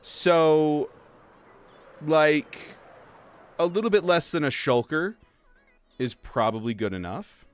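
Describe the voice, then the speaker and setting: A young man chatting casually on a game livestream, answering viewers and filling pauses with "like" and "uh". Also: on the high side, clear, resonant tone, faint music behind. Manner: chatty, reads and answers chat, many fillers. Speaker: streamer. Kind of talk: casual livestream chat while playing.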